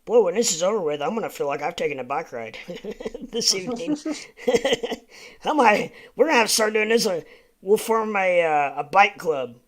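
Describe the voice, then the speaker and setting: An older man with a lively, folksy, joking manner, chatting and commentating casually. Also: high-pitched, moderate pace.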